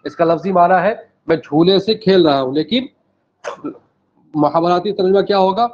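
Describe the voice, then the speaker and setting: A male teacher giving a classroom language lesson, explaining each word step by step, repeating phrases and checking in with his students. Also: sits high. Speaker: Arabic teacher. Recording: dull lo-fi classroom recording.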